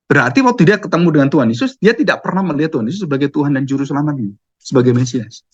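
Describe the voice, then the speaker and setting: A man's voice: on the high side, lively intonation, racing, muffled recording. A man preaching a sermon, firing off questions and answering them himself.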